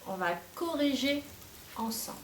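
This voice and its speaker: A woman teacher giving a dictation to young pupils, pausing between syllables and speaking slowly and clearly. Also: high-pitched, lively intonation. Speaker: primary school teacher. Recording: echoey room, voice from a distance, faint hiss.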